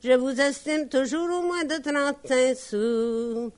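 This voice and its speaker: Woman, high smooth voice, unhurried sung comic storytelling. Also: fairly even intonation. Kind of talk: sung comic monologue and folk song.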